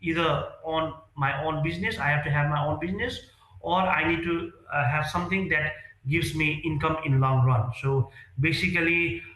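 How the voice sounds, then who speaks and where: A man, speaking in a fairly high, bright and forceful voice. He answers interview questions earnestly, pausing on fillers and restarting his sentences. The room around him rings with echo. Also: fairly even intonation. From Nepal. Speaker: real estate sales executive, guest.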